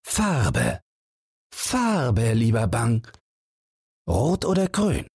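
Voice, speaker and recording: A man voicing a restless, irritable man who bursts out brusquely, pitched well above his own husky voice. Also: wildly swooping pitch, drawn-out words, darkish tone, no echo, clean studio sound, heavily acted. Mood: impatient. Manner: agitated, jeering outbursts.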